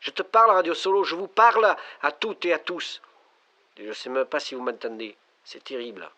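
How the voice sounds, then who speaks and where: A man's voice: a little high, sing-song, moderate pace, sharp tone. A man acting a lonely night caller on a payphone. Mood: lonely fearful. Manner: pleading, breaking into panic. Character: lonely frightened young man calling from a phone booth at night. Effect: payphone call, distant caller on the line. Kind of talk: stage monologue acting.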